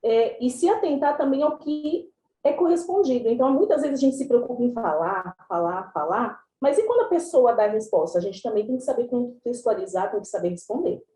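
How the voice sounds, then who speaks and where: A woman's voice: fairly high pitch, fairly quick, echoey room, rough recording. Chatty São woman presenting. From São Paulo, Brazil. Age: 30s. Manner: chatty, animated, explanatory. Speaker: class presenter. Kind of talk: online class presentation. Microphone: video call.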